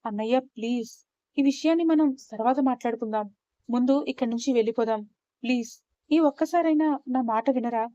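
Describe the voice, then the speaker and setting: A woman's voice: on the high side, brisk, mellow, dry recording, lightly acted. A woman voicing an anxious young woman who pleads with her brother, in a story reading. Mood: pleading. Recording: slightly dull, muffled recording.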